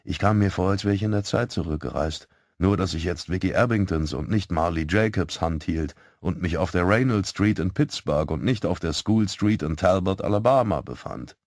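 A man narrating a first-person audiobook in a calm, measured storytelling manner. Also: low-pitched, dry recording, studio quality.

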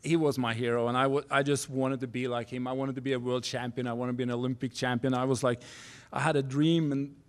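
A man in his forties from Norway with a Norwegian accent, giving a keynote speech at a university podium, earnest and halting, restarting phrases in non-native English. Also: medium pitch, little pitch movement. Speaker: keynote speaker. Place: university auditorium stage. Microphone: podium microphone.

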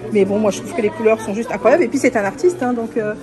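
A woman's voice: on the high side, fast, a crowd in the background. A woman vlogging casually from an indoor shop, gushing over each item and piling on superlatives, filming on a handheld phone. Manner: gushing, piles on superlatives and repeats "very, very". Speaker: merchandise vlogger. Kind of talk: casual shopping vlog. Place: indoor theme park shop. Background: shop background music.

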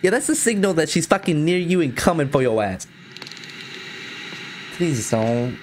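A man's voice: fairly high pitch, expressive, measured pace, a little hiss or hum. A man in his twenties giving casual, profane, jittery commentary as a scared horror game streamer, on a close mic. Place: indoor home streaming setup. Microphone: close streaming mic, wearing headset.

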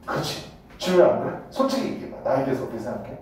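A man teaching a high school English class in a blunt, joking way, swearing casually and often checking whether the students follow. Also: huge pitch swings, quick pace, a little mellow. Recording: echoey classroom from a distance.

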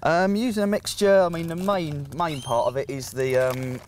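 A man's voice: a little high, fairly even intonation, normal speed, darkish tone. A man in his thirties talking through fishing tackle on a lakeside bank, easygoing and practical, with frequent ums, on a lapel mic. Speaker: angler guest. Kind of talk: relaxed outdoor tackle chat. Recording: faint outdoor noise by a lake.

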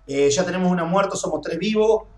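A young man with a Rioplatense Spanish accent commentating a game, excitable, swearing, and screaming when chased. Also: sits high, fast talker. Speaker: gameplay streamer. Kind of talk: gaming commentary. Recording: echoey room, faint noise.

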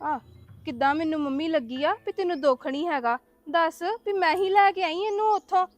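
A woman's voice: very high-pitched, a little fast, soft background music. A woman playing a defensive, put-upon young daughter-in-law in a family web drama, complaining and talking back. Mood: aggrieved.

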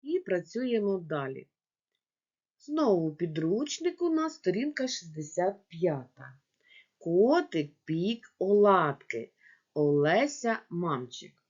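A woman teaching young children in a video lesson, dictating words slowly syllable by syllable and speaking to the class directly. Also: lowish voice, sing-song, darkish tone. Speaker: primary school teacher. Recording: dull lo-fi home recording.

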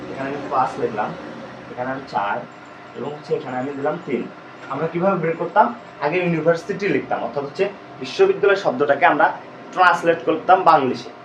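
A man teaches a grammar lesson, asking the students questions and then answering them himself. His voice sits a little high. The room is echoey, with a faint hiss behind him. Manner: explains step by step, repeating questions to students.

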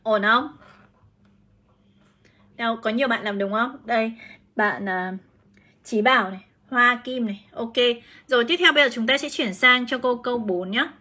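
A woman's voice: a little high, moderate pace, pauses often, sharp tone. A woman English teacher from Vietnam, giving a chatty live-streamed exam prep lesson and explaining each answer step by step.

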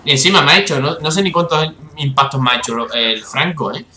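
A man with a Spain Spanish accent giving excitable, swearing live commentary over his own gameplay, with bursts of frustration. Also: medium pitch, a little fast, roomy sound, a little hiss or hum. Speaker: gaming YouTuber.

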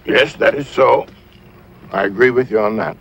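An older actor playing a patient, wise grandfather in a film drama, counselling his grandson in a gentle, steady way. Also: medium pitch, moderate pace. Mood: reassuring. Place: outdoors by a porch.

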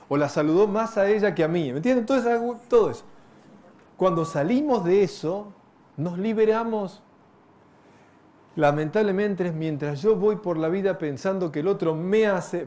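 A man's voice: high voice, mellow. A middle-aged man gives a reflective spiritual talk to an audience. He poses rhetorical questions and adds touches of light humor. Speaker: spiritual lecturer.

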